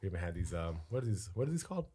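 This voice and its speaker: A young man with a very low voice, dropped further by a recent cold. He chats loosely on a podcast, filling pauses with "um" and "like". He slips in the odd joke. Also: noisy background. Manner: relaxed, many fillers, jokey. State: deep voice from a cold. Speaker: podcast co-host. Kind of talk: casual podcast chat.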